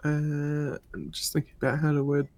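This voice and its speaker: A man's voice: a little high, completely flat delivery, moderate pace, a little mellow. A man casually narrating a character's actions as a tabletop game player.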